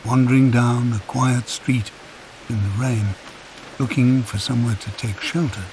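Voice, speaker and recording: A man narrating a guided sleep meditation in a soft, calm, unhurried storytelling voice. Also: medium pitch. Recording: hissy recording with rain sounds behind. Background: rain.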